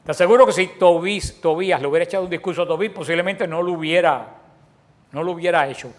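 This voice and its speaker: A slightly high-voiced man preaches at a quick pace, asking questions and answering them himself. He often restarts his phrases, and his delivery swings between loud and soft.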